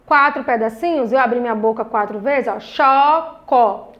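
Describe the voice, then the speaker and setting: The sound quality is lo-fi, and her voice sits on the high side with a brisk pace. She's a young Brazilian primary school teacher with a Brazilian Portuguese accent, patiently and encouragingly teaching a recorded children's lesson and stretching each syllable of her words.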